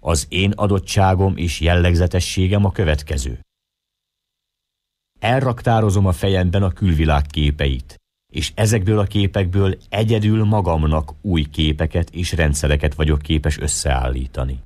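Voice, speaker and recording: A man's voice: low voice, a little mellow, no echo. A man voicing a proud European man who lectures earnestly about his intellect, in an audiobook reading. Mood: insistent.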